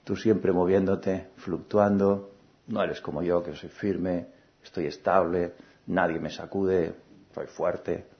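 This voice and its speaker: A man voicing a proud, boastful male tree in a fable, speaking slowly. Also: low-pitched, fairly even intonation. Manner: boastful, slow. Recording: dull lo-fi recording.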